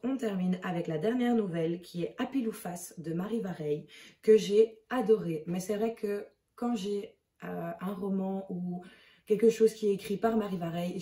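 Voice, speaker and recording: Woman, casual book review chat, warm mellow tone, echoey room, mic set back. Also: fairly low pitch, moderate pace. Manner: chatty and hesitant, checking her notes. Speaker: book vlogger. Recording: roomy echo, mic at a distance.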